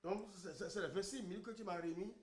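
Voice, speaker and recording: A stingy, grumbling husband, acted by a man, stammering and repeating himself as he scolds. His voice sits high for a man. The room around him is echoey. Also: quick pace, close to an everyday voice. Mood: scolding. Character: stingy grumbling middle-aged husband and father. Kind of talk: comic TV sketch acting.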